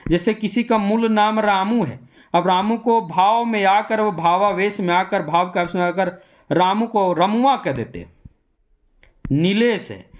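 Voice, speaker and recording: Male Hindi teacher with a Jharkhand accent. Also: sits high. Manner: repetitive, asks rhetorical questions, then answers them. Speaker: Hindi exam coaching teacher. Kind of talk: explanatory classroom lecture.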